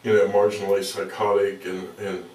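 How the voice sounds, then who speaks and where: Older male interview guest, slightly low voice, repetitive conversational delivery, recorded at a distance. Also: completely flat delivery, brisk, darkish tone. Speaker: activist and journalist, interview guest. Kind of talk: casual interview storytelling. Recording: echoey room, distant from microphone.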